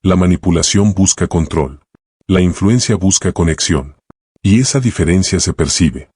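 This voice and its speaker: Guy reading a self-help audiobook, low husky voice, slow and calm, short thoughtful phrases. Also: no echo, clean studio sound. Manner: calm, measured delivery in short reflective phrases. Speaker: audiobook narrator.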